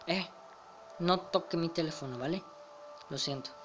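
A young gamer with a Spain Spanish accent and a slightly high voice provides casual let's play commentary at a moderate pace. He chuckles along and reads the game's dialogue aloud.

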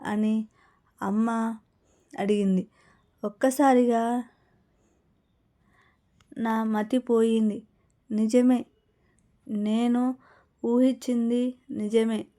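A woman narrating a first-person story as the channel's storyteller, reading at an unhurried pace. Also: a little high, flat delivery, dark tone.

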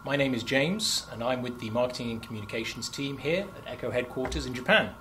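A young man speaks fast in a mid-range, sharp-toned voice, and the audio is poor, with lab background noise. He is the marketing host of a corporate product interview, standing indoors in a company lab. His manner is chatty and upbeat, with frequent fillers.

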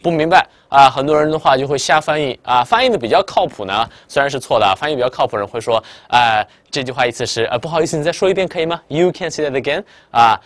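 A man teaching a lively online English listening lesson in Mandarin Chinese, often checking if the viewer follows. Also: medium pitch, no echo. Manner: lively, chatty teacher, quizzing the viewer with "明白了吗". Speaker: English test tutor.

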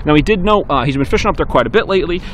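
A man in his forties delivers a weekly fishing report straight to a handheld camera on a harbor dock. His voice sits a bit high and his delivery is brisk and upbeat, with casual fillers. Faint outdoor noise runs underneath. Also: expressive.

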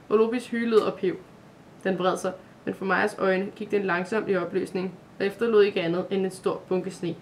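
A reader narrating a dramatic fantasy Christmas calendar story for children, in a steady, scripted storytelling voice. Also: mid-range voice, slight background noise.

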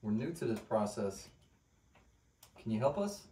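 A man's voice: fairly low pitch, big pitch swings, measured pace, slightly rough. A man on a ghost hunt, asking curious questions and joking with friends. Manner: curious, asks questions, jokes. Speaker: ghost hunting investigator. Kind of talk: casual chat during an investigation. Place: old jail at night. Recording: distant mic with loud background noise.

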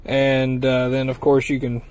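In a medium-pitched, darkish, monotone voice, a man unhurriedly shows off a truck part he had installed. The casual walkthrough vlog is filmed on a handheld phone, moving from inside the truck to outside by a trailer, and he reviews the accessory with folksy rambling and plenty of fillers.

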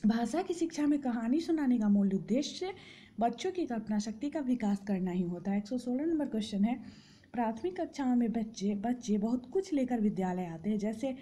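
Methodical woman tutor, mellow voice. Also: fairly high pitch, brisk. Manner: steady, methodical, lists options in order. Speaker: exam prep tutor. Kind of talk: reading out exam questions and answers.

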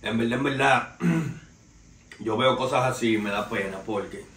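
A young Dominican man with a Dominican Spanish accent hosts a casual gossip podcast, commenting on entertainment news with loose, slangy storytelling and calling listeners "señores". His medium-pitched, fairly bright voice is unhurried. He sits on a sofa in a small living room, recorded by a far camera with no mic seen, giving roomy echo, a distant sound and faint noise.

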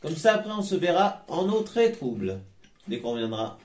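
A man's voice: a little high, very animated, moderate pace. A man, chatting casually as he munches crunchy chips. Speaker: vlog co-host tasting snacks. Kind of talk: casual chat. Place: small hotel room, indoors. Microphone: phone camera a couple of metres away. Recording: echoey room, noisy phone recording.

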